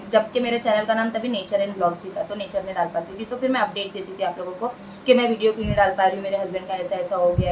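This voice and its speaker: A woman's voice: mid-range voice, muffled recording, noisy background. A woman from India, talking casually to the camera as a vlogger, earnest and chatty, repeating phrases for emphasis.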